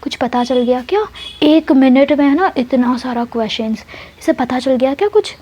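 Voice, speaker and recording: A woman's voice: high-pitched, normal speed, dark tone, breathy edge, dull audio. Woman doing a sly young college girl.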